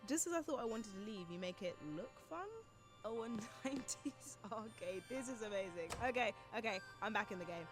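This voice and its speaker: An actress voicing a chatty young woman companion in a game, bubbly and quick to swing between moods. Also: medium pitch, expressive, lightly acted. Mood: excited. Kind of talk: game character dialogue. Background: music.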